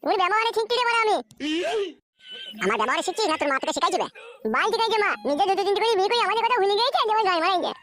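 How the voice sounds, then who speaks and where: A woman's voice: very high-pitched, expressive, rapid-fire. A woman voicing a foul-mouthed cartoon boy. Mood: defiant. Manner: shouting, rude.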